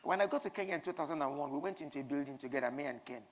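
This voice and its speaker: Low-voiced Nigerian woman addressing an audience. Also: very fast, big-room sound. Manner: speaking in front of an audience; emphatic, rhetorical questions and repetition. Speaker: keynote speaker. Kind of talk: conference keynote speech.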